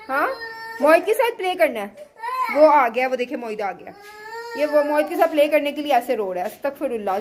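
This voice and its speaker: Her voice sits high against slight background noise. A Pakistani Urdu-accented woman in her thirties, she vlogs casually as a mother, chattering and talking to her children, scolding and coaxing them at home and in a restaurant.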